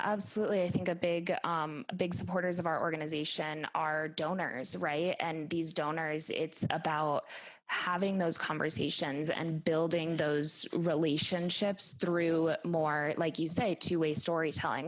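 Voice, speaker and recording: A woman's voice: sits low, no room sound, rough recording. A woman from a nonprofit speaking in a video call discussion, thoughtful and full of fillers. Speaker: nonprofit staff member.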